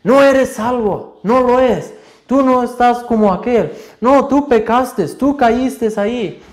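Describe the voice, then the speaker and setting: Man putting on shrill taunting Satan. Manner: loud, high, rapid taunting. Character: shrill accusing male Satan, taunting and harsh. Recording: roomy echo.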